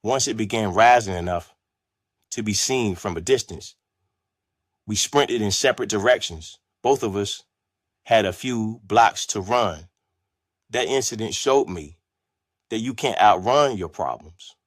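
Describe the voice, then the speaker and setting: Low-voiced man narrating a memoir. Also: measured pace, pauses often, dry recording, clean studio sound. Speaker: audiobook narrator of his own memoir.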